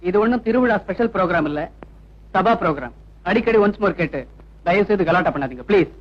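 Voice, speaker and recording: A man's voice: sits high, expressive, a little fast, highs cut off. An actor playing a confident young male singer who talks in a cool, teasing way. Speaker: stage singer.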